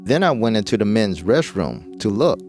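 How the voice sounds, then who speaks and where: A man narrating a first-person animated horror story, voicing every character in quotes himself. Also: moderate pace. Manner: voices all the characters in quotes, jumping up in pitch for dialogue. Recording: narration over music.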